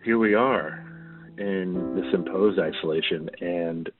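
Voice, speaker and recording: A man leaving a reflective, measured voicemail about his own life. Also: sits low, soft background music. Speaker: caller. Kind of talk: casual voicemail. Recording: tinny phone line.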